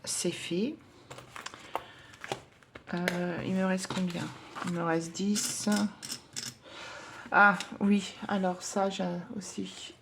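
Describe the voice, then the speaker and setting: A woman's voice: on the low side, level tone, very slow, long pauses, background noise. A woman vlogger at home, chatting casually and hesitantly with many fillers while counting coins for her budget challenges.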